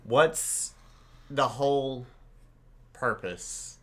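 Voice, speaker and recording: A man's voice: mid-range voice, very slow, a bit bright. A man from Oklahoma co-hosting a podcast in casual chat, rambling, stammering over his words and swearing a lot as he gets worked up. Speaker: podcast co-host.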